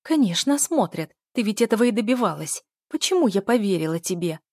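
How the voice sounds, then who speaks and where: A woman reading aloud, voicing a jealous pregnant young sister who is shrill and on the edge of hysteria. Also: big pitch swings, a little fast, a little mellow, no echo, studio quality. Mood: hysterical, accusing. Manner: shrill, accusing, near hysteria.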